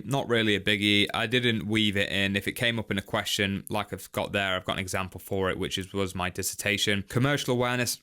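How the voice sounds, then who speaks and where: A man, a lawyer walking through career advice point by point in a steady, matter-of-fact way. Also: lowish voice, clear, resonant tone. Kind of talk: instructional talk to camera.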